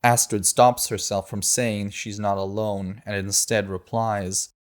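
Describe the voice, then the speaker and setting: A man narrating an audiobook in a measured, steady way. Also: on the low side. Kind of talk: scripted narration.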